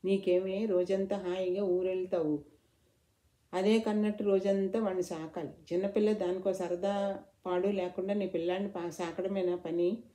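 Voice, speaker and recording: Woman voicing a sharp-tongued mother-in-law. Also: medium pitch, flat delivery, moderate pace, echoey room, close to an everyday voice. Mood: scolding. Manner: nagging, then wailing laments. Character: scolding middle-aged mother-in-law, sharp-tongued and self-pitying.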